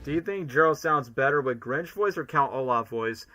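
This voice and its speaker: A man's voice: mid-range voice, animated, moderate pace, pushed and bright, soft background music. A man giving casual, chatty reaction commentary as a streamer. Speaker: streamer, cosplayer.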